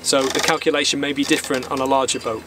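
The man, in his thirties, talks fast at a medium pitch with little movement in his intonation. He hosts an instructional sailing vlog, explaining things simply to camera outdoors on a small boat in a marina, where background marina noise can be heard.

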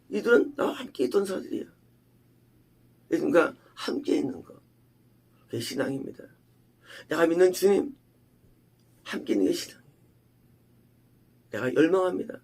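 Gravelly, husky male pastor preaching. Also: fairly high pitch. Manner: emphatic preaching with rhetorical questions, swinging from loud to hushed. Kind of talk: sermon.

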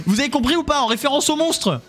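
A man's voice: very high-pitched, expressive, quick pace, a bit bright, faint music behind. A man streaming a video game, joking with his chat in a casual, exclamatory way. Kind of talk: casual live-stream gaming commentary.

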